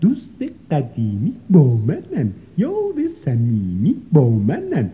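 A man's voice: mid-range voice, wildly swooping pitch. A man voicing a friendly male dog who sings advice in a children's story, with a sing-song, wide-ranging melody. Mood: preachy, cheerful. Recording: tinny lo-fi audio with music.

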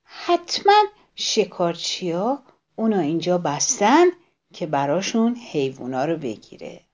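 A woman narrating a children's story, expressive and speaking directly to the children listening. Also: on the low side.

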